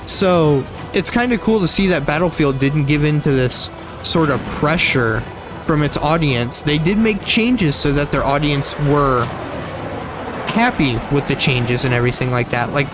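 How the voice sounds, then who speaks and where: In a low-quality recording with music in the background, a young man with a somewhat high voice keeps up a moderate-paced, casual running commentary as he plays a shooter game on stream. He rambles, repeats and corrects himself, and his throat sounds slightly froggy.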